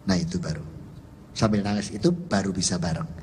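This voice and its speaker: Male preacher, animated storytelling, echoey hall, faint background noise. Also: low-pitched, a little fast. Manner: animated, acts out dialogue. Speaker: Islamic preacher. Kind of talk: storytelling sermon. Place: office hall.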